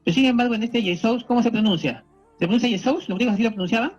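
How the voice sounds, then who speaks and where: Guy teaching a class, high husky voice, keeps asking if everyone follows, muffled lo-fi audio. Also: very fast, faint music behind. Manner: didactic, constantly checking in with the audience. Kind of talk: recorded classroom explanation. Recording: dull lo-fi video audio.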